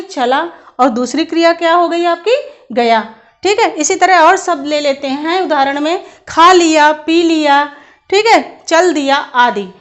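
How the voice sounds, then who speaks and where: A woman's voice: high voice, a bit bright. A woman teacher explaining a grammar lesson, patiently repeating each point and checking in after every step.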